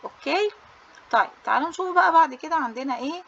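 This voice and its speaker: A woman English teacher with an Egyptian Arabic accent reviews a study booklet for pupils, cheerful and coaxing, mixing English terms into her Arabic. She speaks very fast in a high, expressive, slightly bright voice with vocal fry, and the audio is dull.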